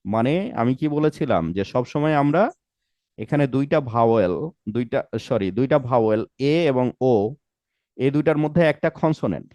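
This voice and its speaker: A man's voice: medium pitch, animated, moderate pace, a little mellow, no echo. Patient male teacher drilling pronunciation. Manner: patient, poses rhetorical questions, drills sounds syllable by syllable; mixes English terms into Bengali speech. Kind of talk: live online class lecture.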